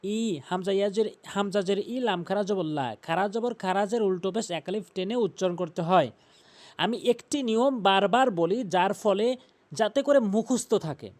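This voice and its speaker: A man teaching Quran recitation, patiently repeating pronunciation rules and chanting slow examples. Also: sits high, darkish tone. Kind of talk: recitation lesson.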